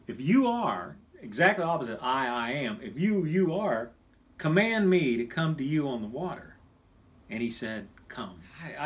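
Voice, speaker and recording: A middle-aged man from Kansas, a pastor, preaching a sermon with animated delivery that drops to a near hush when quoting. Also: mid-range voice.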